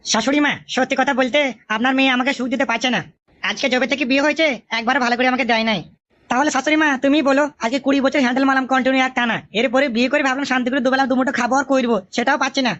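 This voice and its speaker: A woman voicing a hot-tempered, foul-mouthed young male son-in-law in a cartoon, grumbling and cursing rapidly. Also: high voice, steady tone, fairly bright tone. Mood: complaining. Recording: dull lo-fi audio.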